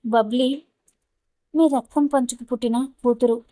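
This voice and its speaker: A woman's voice: fairly high pitch, steady tone, a little slow, dark tone, no echo, natural voice. A woman storyteller voicing a young woman prisoner, a wronged ex-wife who speaks through tears. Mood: tearful. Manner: cool then pleading, tearful.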